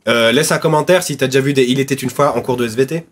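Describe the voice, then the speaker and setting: A man's voice: medium pitch, quick pace, slight background noise. A man co-hosting a video, chatting casually and explaining things. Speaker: video co-host. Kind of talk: casual banter.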